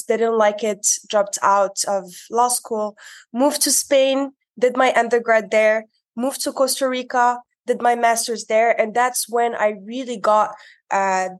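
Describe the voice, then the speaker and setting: A young woman from Morocco, a podcast guest telling her life story in a conversational, reflective way. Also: a little high.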